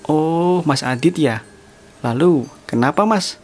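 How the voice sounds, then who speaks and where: A man's voice: on the high side, slow, a little hiss or hum, voice pushed up. Man doing a solemn middle-aged landlady. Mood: polite. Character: middle-aged woman boarding-house landlady, calm and solemn. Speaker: landlady telling a sad story.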